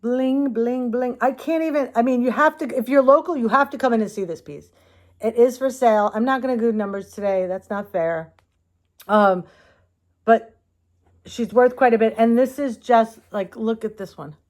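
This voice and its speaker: A woman with a somewhat high voice runs a casual show-and-tell vlog. She gushes and exclaims over each piece, drops swear words freely, talks straight to her viewers and calls her crystals "she" or "baby". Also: normal speed, a little mellow. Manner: gushing and exclamatory, with frequent swearing. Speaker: crystal shop owner and vlogger.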